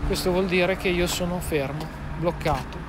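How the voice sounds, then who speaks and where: Male vlogger, northern Italian accent, lightish pitch, wry and exasperated, recorded outdoors with noticeable background noise. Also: steady tone, normal speed. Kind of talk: casual vlog to camera. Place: outdoors at a roadside. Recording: noisy outdoor roadside.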